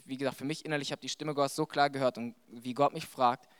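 Young man preaching, clear dry voice. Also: mid-range voice, fast talker, dry recording. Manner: conversational, animated preaching with frequent fillers. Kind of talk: sermon. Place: church hall with audience.

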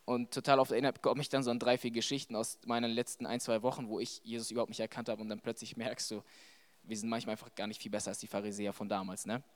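A young adult man giving a conversational sermon to a church audience, animated and full of fillers. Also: mid-range voice, quick pace, dry recording. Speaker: preacher.

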